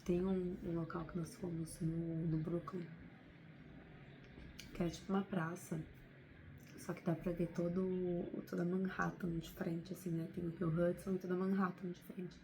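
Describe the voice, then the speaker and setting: A woman's voice: fairly low pitch, flat delivery, moderate pace, background noise. A woman with a Brazilian Portuguese accent, talking to camera in an unscripted, heartfelt motivational vlog, often adding little tag questions. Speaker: vlogger.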